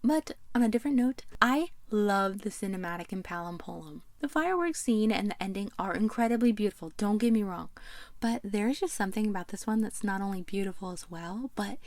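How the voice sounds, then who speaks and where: A woman's voice: medium pitch, expressive, brisk, darkish tone, dry recording. A woman hosting a video essay, narrating a game recap in a chatty, playful way with fond asides. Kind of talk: casual game commentary narration.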